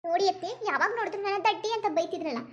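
A woman's voice: extremely high pitch, very fast, fairly bright tone. A woman with a Kannada accent voicing a naive young daughter-in-law in a cartoon, chatty and pleading. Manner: chatty, pleading, sing-song. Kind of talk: cartoon voice acting.

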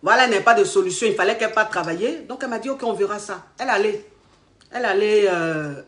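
A woman telling her life story in casual, animated speech, quoting the people she met. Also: mid-range voice, fast talker. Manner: animated retelling with acted quotes. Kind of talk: personal storytelling. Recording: echoey room.

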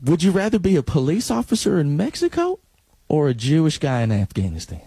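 A man's voice: fairly high pitch, wildly swooping pitch, a little fast, creaky, mellow, husky, no room sound. A young man co-hosting a casual comedy podcast, loose and giggly, laughing often. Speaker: podcast co-host. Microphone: podcast microphone.

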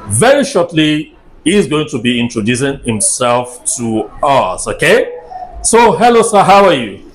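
A man with a West African English accent hosting an on-location travel interview. He keeps the talk lively and repeats his guests' answers back to them. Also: fairly high pitch, unhurried, echoey room, a little hiss or hum. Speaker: travel vlogger interviewing staff. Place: indoor restaurant and office.

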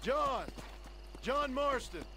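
An actor voicing a gruff, laconic frontier gunslinger who speaks in short, clipped lines. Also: male voice, extremely high pitch, expressive, drawn-out words, full character voice.

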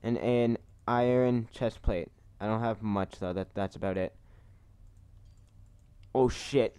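Very deep-voiced woman chatting through a game. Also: steady tone, slow, warm tone, clean tone. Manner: casual, matter-of-fact, swears often. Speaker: co-player. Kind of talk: casual gameplay chat.

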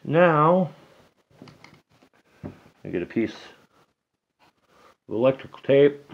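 A man's voice: mid-range voice, big pitch swings, slow, gravelly, phone-quality sound. A man casually explaining an antenna build at home while he works, chatting to himself and the radio as he goes. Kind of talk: casual how-to narration. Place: home, indoors at a table.

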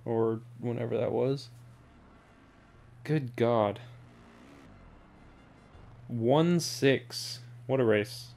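A man's voice: mid-range voice, slow pace, gravelly, few pauses, a little mellow. A man giving casual gameplay commentary, rambling with dry sarcastic asides. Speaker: gaming video creator.

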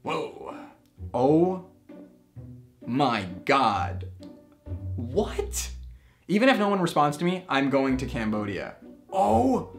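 A young man hosting a casual vlog, jokey and quick to swing from loud excitement to mumbled asides. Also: fairly high pitch. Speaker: vlogger host.

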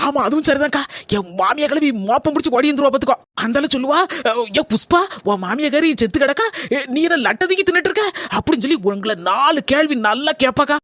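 Teasing village neighbor. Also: female voice, high voice, expressive, fairly bright tone, no echo, studio quality. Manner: teasing, quick-talking. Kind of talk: animated village comedy.

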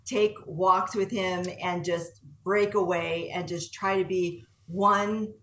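A woman's voice: on the low side, fairly even intonation, slow, fairly bright tone, slight background noise. Earnest woman in an echoey room. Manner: earnest, repeats words while searching for them. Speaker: guest entrepreneur. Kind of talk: interview answers. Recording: echoey room heard from a distance.

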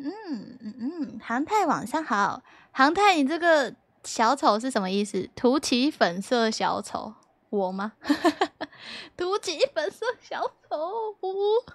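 A young woman streams from home and chats loosely with her viewers, reading their messages aloud. Her voice sits a little high and she giggles through her lines, playful and teasing. The sound is dry and close on a desk mic with no room echo. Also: a bit bright. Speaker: livestreamer. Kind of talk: casual chat with viewers.

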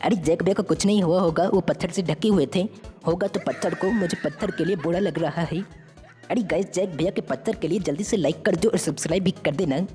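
A woman's voice: fairly low pitch, fairly quick, lightly acted. A woman voicing a cheerful, jokey young male sidekick in a fan-made game story. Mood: playful. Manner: jokey, excited, teasing. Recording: reverberant with faint music.

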